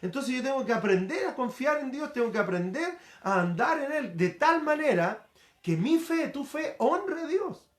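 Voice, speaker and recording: A male pastor preaches with a lively, swinging pitch. He repeats phrases for emphasis and voices the people he quotes. The sound is roomy, with a noticeable echo. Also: moderate pace. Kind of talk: sermon.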